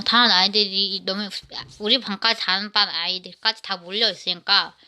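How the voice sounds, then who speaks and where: A woman's voice: mid-range voice, sharp tone. A woman narrating a personal story in the first person, rambling and often restarting her sentences.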